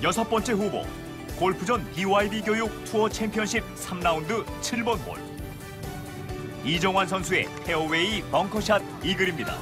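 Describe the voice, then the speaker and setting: A man delivering scripted highlight commentary as a golf commentator, in an announcer's style. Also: normal speed. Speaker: golf commentator, video narrator. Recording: music bed under voice. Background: loud background music.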